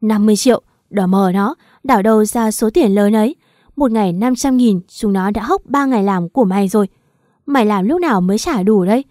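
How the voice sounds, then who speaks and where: A brash, foul-mouthed older friend scolds loudly and impatiently in this audio story, as a woman narrator puts her on. The voice keeps a warm, mellow colour under the swearing. The recording is dry and close. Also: mid-range voice, fairly quick, dry recording, lightly acted. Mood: scolding.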